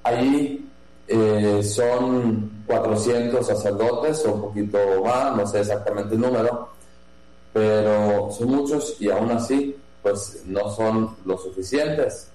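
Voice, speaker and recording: A man from Jalisco, a priest who runs a seminary, answering interview questions slowly, with many pauses, fillers and restarts. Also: on the low side, fairly even intonation, mellow. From Mexico, Jalisco. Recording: echoey room with mains hum.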